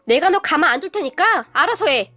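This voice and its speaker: A woman's voice: lively intonation, brisk, sharp tone, heavily acted. A woman doing a sneering rich middle-aged mother. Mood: scornful. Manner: sneering, shrill scolding.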